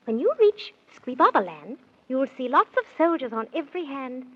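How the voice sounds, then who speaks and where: Heavily acted and very animated, an actress with a high-pitched, slightly rough voice portrays a kindly fairy-tale queen at a moderate pace. The queen reassures and instructs in sing-song theatrical rhyme, part of a 1930s children's radio serial heard through a dull old recording.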